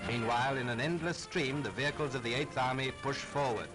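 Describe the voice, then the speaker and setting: A man giving formal, patriotic narration on a 1940s wartime newsreel soundtrack. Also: medium pitch. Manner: brisk, formal, patriotic delivery. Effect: old newsreel soundtrack. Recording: old newsreel soundtrack over loud music.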